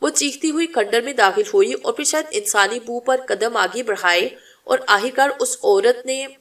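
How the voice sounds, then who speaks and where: A woman storyteller reading a horror novel aloud at a steady, measured pace. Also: on the high side, distant mic.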